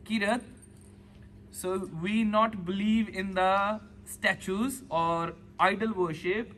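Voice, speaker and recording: High-voiced man teaching a scripture class. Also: a bit bright, a little hiss or hum. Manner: patient, calls students by name, asks questions. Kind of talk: class lesson mixing Punjabi and English.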